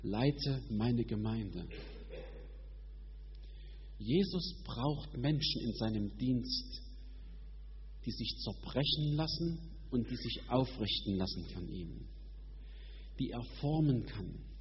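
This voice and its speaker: A man preaching a sermon in a colloquial, emphatic way, stretching and rushing his words for effect. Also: mid-range voice, expressive. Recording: dull sound in a reverberant hall with faint hum.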